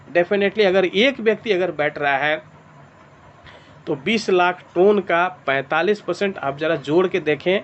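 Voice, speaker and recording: High-voiced man pitching a plan. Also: a bit bright. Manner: pitching, repeats "dear friends", walks through figures step by step. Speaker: presenter of an online business meeting. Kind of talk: sales presentation over a video meeting. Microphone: clip-on mic. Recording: dull lo-fi call audio with faint noise.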